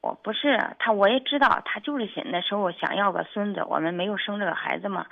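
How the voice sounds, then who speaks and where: A woman calling in to a radio advice show, telling her story haltingly with many restarts. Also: mid-range voice, expressive, creaky, no room sound. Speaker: caller. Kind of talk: radio call-in, telling a personal problem. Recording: phone-line call on radio.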